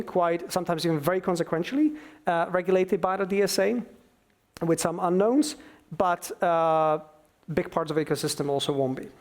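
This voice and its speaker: A man giving an explanatory expert talk, with halting phrasing and emphatic bursts. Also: high voice. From Slovakia. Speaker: expert speaker.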